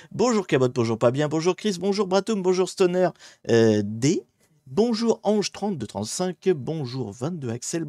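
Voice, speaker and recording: A man with a French accent hosting a live stream in a relaxed, rambling way, with lots of fillers and self-corrections. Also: a little high, no room sound. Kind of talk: casual live-stream chat.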